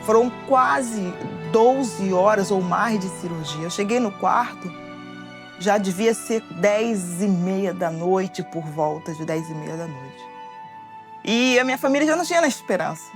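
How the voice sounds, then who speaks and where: A woman tells her story in a halting, emotional testimony, her pitch sitting in a middle range. Soft music plays faintly behind her voice. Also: lively intonation. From Brazil. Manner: emotional, halting, reenacting what was said. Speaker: documentary interviewee. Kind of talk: personal testimony.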